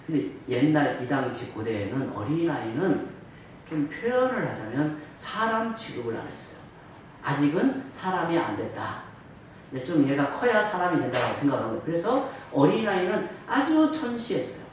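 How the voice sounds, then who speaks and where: A man's voice: on the high side, sing-song, normal speed. A male pastor giving a Bible study lecture. He reads scripture aloud, then explains it with many fillers. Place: church hall. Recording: echoey hall, distant mic, faint noise.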